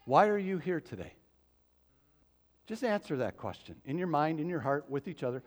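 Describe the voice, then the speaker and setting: A man with a slightly high, sing-song voice preaches at a normal pace as pastor, chatting loosely with his congregation and slipping in frequent asides. He's in a church sanctuary, and the recording carries the long reverb of a church hall.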